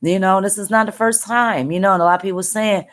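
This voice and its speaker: A tearful mother talking to viewers on a livestream, halting and repeating herself as she speaks, upset and angry. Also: medium pitch, steady tone. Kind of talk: emotional live-stream talk.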